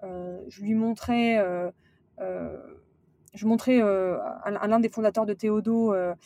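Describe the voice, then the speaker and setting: A woman's voice: medium pitch, steady tone, a little slow, creaky, mellow, no room sound. A woman talking as a podcast guest about management, speaking casually with many fillers and restarts. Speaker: guest, sales director turned manager. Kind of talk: casual interview conversation.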